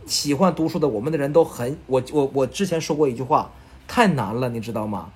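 A man's voice: medium pitch, fairly quick, darkish tone, breathy edge. A man, a bookstore co-owner speaking earnestly and reflectively in casual chat.

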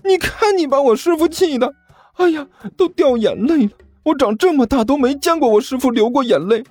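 Man doing a shrill, whiny young apprentice. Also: a little fast, no room sound, soft background music. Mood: excited, complaining. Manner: high-pitched, excitable, stammering.

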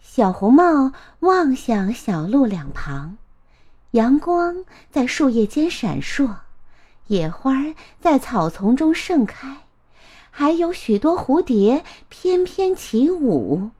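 A woman reads a children's fairy tale aloud in a gentle, unhurried way. Her voice sits high and rises and falls expressively. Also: very animated. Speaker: storyteller. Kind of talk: children's story narration.

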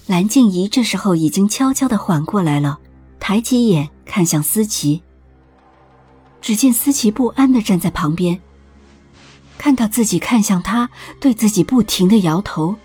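Lady narrating a palace story, breathy voice, soft music under it. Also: medium pitch. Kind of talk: scripted audiobook narration.

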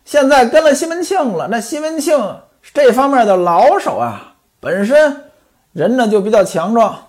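A man's voice: extremely high pitch, animated, moderate pace, a little mellow. A man narrating in the traditional storytelling style, with chatty asides to the listener and a playful, knowing tone.

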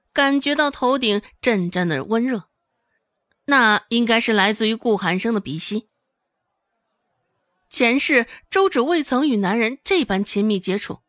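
A woman narrating a serialized novel in an expressive storytelling manner. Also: a little high, no echo, clean studio sound. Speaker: audiobook narrator.

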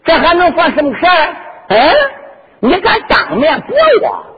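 A man's voice: very high voice, big pitch swings, normal speed, long reverb tail, pitched above the performer's own voice, full character voice. A man putting on an arrogant bullying old minister. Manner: boastful, menacing. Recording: dull lo-fi recording with instrument music.

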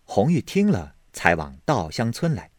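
Expressive male storyteller, dry close sound. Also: lowish voice, normal speed, no echo. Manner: expressive, voices every character. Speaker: narrator. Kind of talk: storytelling reading of a classic novel.

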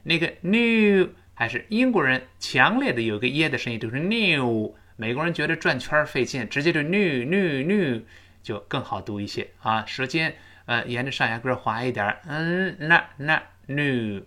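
Lively-voiced male English pronunciation teacher. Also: mid-range voice. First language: Chinese. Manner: explains in detail, slows way down for model sentences. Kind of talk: spoken English lesson with repeat-after-me drills.

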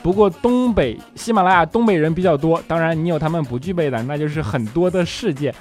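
Guy, kinda high voice, laughing and joking thru listener messages, music behind. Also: fast talker. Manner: jokey, laughs often, teasing replies. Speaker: podcast host reading listener comments. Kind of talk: casual chat.

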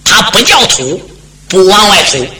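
A man performing traditional storytelling, dramatic and animated, speaking directly to his listeners. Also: high voice, measured pace.

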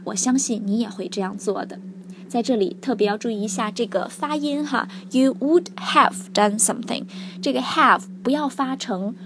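Woman teaching English phrases, slightly high. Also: slight background noise. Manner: explains phrases, then models pronunciation. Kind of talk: spoken English lesson.

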